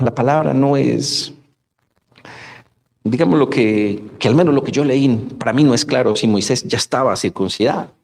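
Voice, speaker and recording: A man preaches a radio sermon, his voice sitting at an ordinary middle pitch. He keeps posing rhetorical questions and turning to his listeners as brothers. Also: vocal fry, darkish tone. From Colombia. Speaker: pastor. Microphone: studio microphone for radio broadcast.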